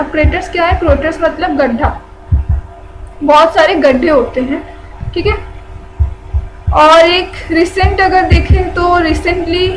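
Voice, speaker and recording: A woman's voice: extremely high pitch, low-quality recording. A woman teaching a general-knowledge lesson, who repeats key terms and asks and answers her own questions.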